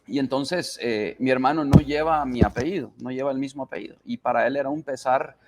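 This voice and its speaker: A man's voice: medium pitch, a little fast, heavy background noise. A man on a church panel telling a family story, hesitant and heartfelt, with many fillers. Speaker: panel guest.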